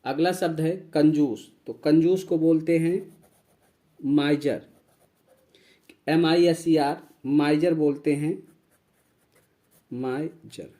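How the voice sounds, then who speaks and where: Guy teaching english words, kinda high voice, repeats and spells everything. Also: fairly even intonation, mellow. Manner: slow, repeats each word and spells it out. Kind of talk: vocabulary lesson.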